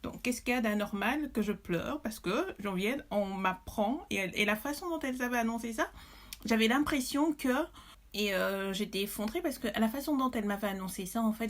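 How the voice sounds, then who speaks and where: Indignant woman telling her story. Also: medium pitch. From Belgium. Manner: emotional, indignant, with many hesitations. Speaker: mother testifying. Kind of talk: personal testimony to camera.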